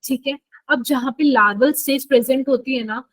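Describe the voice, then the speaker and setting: A woman's voice: high voice, fairly even intonation, moderate pace, a bit bright, no echo, poor audio. A woman teaching a live online biology class in a chatty way, often checking that students follow.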